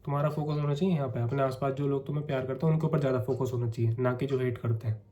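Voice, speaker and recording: A man's voice: mid-range voice, steady tone, very fast, mellow, a little hiss or hum. A young man with a sore, coughing throat, chatting to camera in a casual vlog and coaxing his viewers. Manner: chatty, coaxing, keeps saying "theek hai". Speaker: vlogger.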